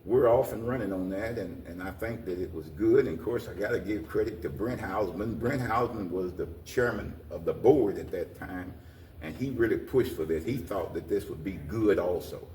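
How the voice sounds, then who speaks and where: An older American man who heads a community organization gives interview answers full of homespun, repetitive encouragement. His voice sits on the low side, warm in tone, at a normal speed. A distant mic in a roomy space captures him along with faint noise.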